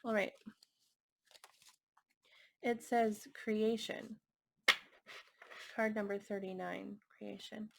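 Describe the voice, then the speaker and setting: A woman giving a casual tarot reading in a gentle, musing way. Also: medium pitch, steady tone, extremely slow, vocal fry, long pauses, background noise. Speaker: tarot reader.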